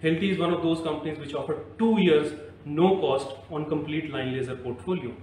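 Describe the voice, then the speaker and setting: A product presenter with an Indian English accent demonstrates tools on a construction site and later at a service center, persuasively recommending them again and again. His fairly high, brisk, slightly mellow voice is picked up from a distance in an echoey space, with a little hiss or hum.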